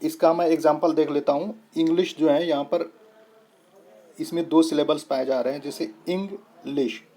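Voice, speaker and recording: A man teaches a lesson in an unhurried, explaining way. His voice sits a little high but sounds warm and dark. He spells words out piece by piece and keeps pausing to check that his listeners follow. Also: level tone. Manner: repeats "thik hai" to check understanding; spells out and splits words slowly. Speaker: English tutor.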